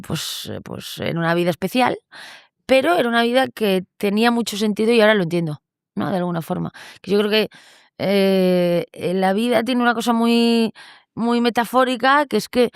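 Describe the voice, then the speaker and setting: A young adult woman from Galicia, speaking as a guest in a conversational interview, thoughtful and pausing often with fillers and restarts. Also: mid-range voice, fairly even intonation, smooth, no echo, clean studio sound. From Galicia, Spain.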